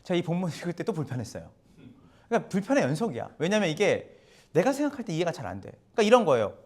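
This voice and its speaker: A man's voice: sits high, huge pitch swings, rapid-fire. A male pastor giving a sermon in a church, chatty and conversational, often putting questions to the congregation. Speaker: guest pastor. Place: church sanctuary.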